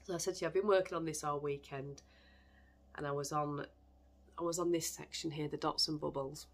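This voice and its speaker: A woman's voice: low voice, steady tone, fairly quick. Woman, podcast host, casual self-mocking chat at home. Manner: chatty, self-deprecating storytelling.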